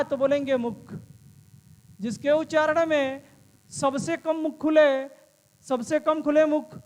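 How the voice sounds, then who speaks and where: High-voiced man teaching with lots of repetition. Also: in a large hall. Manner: repeats questions and answers them himself; calls students "friend". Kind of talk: exam-prep lesson.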